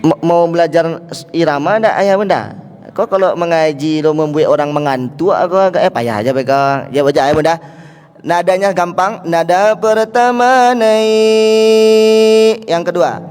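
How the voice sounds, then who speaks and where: A man teaching Quran recitation to a congregation, coaxing listeners to repeat and breaking into slow, drawn-out chanted verses between his explanations. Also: on the high side, a little mellow. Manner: coaxes listeners to repeat, counting them in. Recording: long hall reverb with faint music.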